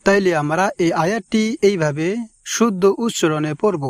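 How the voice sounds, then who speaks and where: A man teaching the correct pronunciation of a short Arabic chapter, chanting each word slowly and explaining in calm asides. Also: high voice, no echo, studio quality. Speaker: Quran recitation teacher. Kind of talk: slow recitation lesson.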